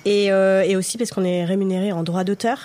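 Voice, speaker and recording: A woman who writes subtitles, answering interview questions hesitantly with many pauses and restarts. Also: mid-range voice, fairly even intonation, mellow.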